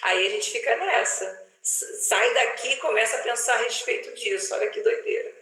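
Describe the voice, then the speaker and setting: A discussion host explaining ideas quickly and playfully in a casual online talk. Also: medium pitch, animated, pushed and bright. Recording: very echoey room.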